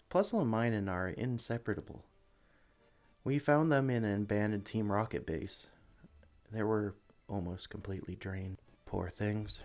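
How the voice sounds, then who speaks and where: With a lowish voice and a soft, gentle mood, a man acts as a caring, experienced Pokemon sanctuary keeper introducing a newcomer to the place. It is a one-sided ASMR roleplay in which he chats encouragingly and coos to the creatures.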